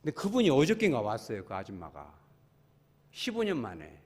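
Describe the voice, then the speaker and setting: A man's voice: mid-range voice, huge pitch swings, fairly quick, a little mellow, slightly rough. A male pastor preaching a sermon, telling a personal story with acted-out dialogue and asking the congregation questions. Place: church sanctuary. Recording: church hall with long reverb.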